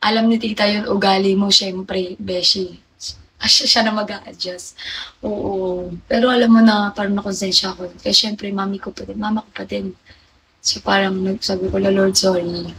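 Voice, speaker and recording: A woman's voice: medium pitch, little pitch movement, normal speed, fairly bright tone, slight background noise, rough recording. Chatty woman livestreaming. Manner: chatty, confiding, reads out viewer names and replies to them. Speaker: livestream host. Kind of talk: casual livestream chat with viewers.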